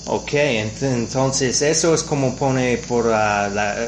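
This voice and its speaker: Canadian man interviewing in halting, second-language phrasing. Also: medium pitch, slight background noise. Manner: frequent "ujú" backchannels, halting non-native phrasing. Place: outdoors at a ranch.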